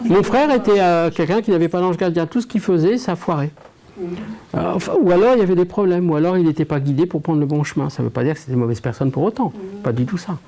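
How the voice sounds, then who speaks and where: A man's voice: high voice, mellow. Chatty French man speaking as a medium. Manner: chatty, joking, drops to a whisper. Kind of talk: public medium session.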